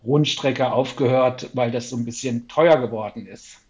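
A man's voice: mid-range voice, moderate pace, a little mellow. A man in his sixties, a podcast guest and coach, telling stories about himself in a chatty, self-deprecating way with small chuckles. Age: 60s. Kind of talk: casual podcast interview. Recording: dull lo-fi sound.

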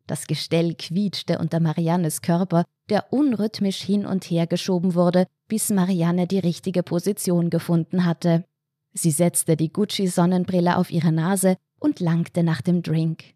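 Mellow low-voiced woman narrating. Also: flat delivery, unhurried, no echo, studio quality. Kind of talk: scripted story narration.

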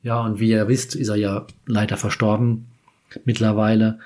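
A man's voice: fairly low pitch, little pitch movement, moderate pace, darkish tone. A man from Kaiserslautern in Germany, a podcast host, telling a personal story in a chatty, meandering way and often correcting himself mid-sentence. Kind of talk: casual storytelling anecdote.

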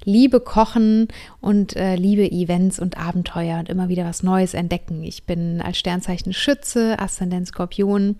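A woman's voice: fairly low pitch, fairly even intonation, unhurried, warm tone. A woman in her thirties, a yoga teacher hosting her own podcast, telling her life story in a heartfelt, enthusiastic way and sprinkling in English words. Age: 30s. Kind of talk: personal storytelling monologue.

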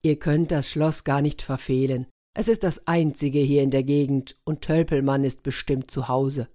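A woman's voice: very deep voice, fairly even intonation, moderate pace, warm tone. A woman voicing a grumpy, sarcastic man trapped in a turtle's body, in a storybook reading. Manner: irritable, sarcastic.

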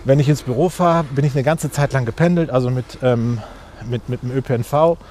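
A man's voice: medium pitch, fairly quick, a little mellow, a little hiss or hum. A man, answering interview questions outdoors with many fillers and restarts. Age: 40s. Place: outdoors on a street.

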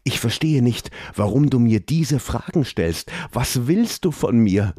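A man's voice: medium pitch, sing-song, slow, a little mellow, slightly rough, no echo, pitched above the performer's own voice, exaggerated voice. A man voicing a frightened young male elf prince in a fantasy audio drama, his voice trembling and pleading.

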